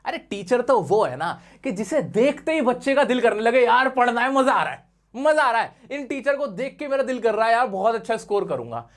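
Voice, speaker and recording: A man teaching an exam lesson in an animated, coaxing way, full of rhetorical questions and playful teasing. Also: sits high. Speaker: English teacher. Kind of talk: classroom-style exam lesson.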